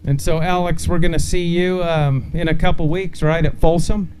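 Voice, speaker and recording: Hearty higher-voiced man announcing a lakeside weigh-in. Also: fairly even intonation, normal speed, a little mellow, slight background noise. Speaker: host of a fishing tournament weigh-in. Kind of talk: live event announcing and casual interviewing.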